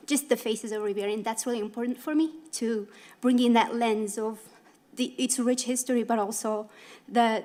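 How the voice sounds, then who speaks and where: A young woman from Morocco giving a hesitant statement at a council meeting, with many pauses and restarts. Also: a little high, darkish tone. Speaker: appointee to cultural council.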